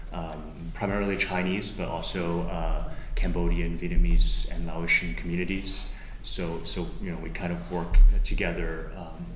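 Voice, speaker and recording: Panelist, male, lowish voice, hesitant delivery, echoey room with faint hum. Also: a bit bright. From born in Hong Kong, raised in Toronto. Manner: halting, many fillers and restarts. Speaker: panelist, human rights lawyer. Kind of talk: panel talk. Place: university roundtable room.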